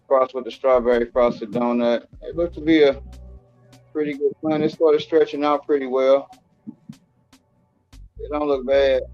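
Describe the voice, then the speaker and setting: A man's voice: medium pitch, lo-fi sound. A man hosting a casual stream, talking loosely with slang and frequent swearing while showing his home grow room.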